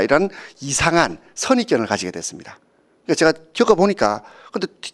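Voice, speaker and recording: A man, giving an exam-prep history lecture, often checking with students through short tag questions and telling anecdotes. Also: fairly high pitch. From Gyeongsang region of Korea. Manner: tells anecdotes and acts out quoted speakers.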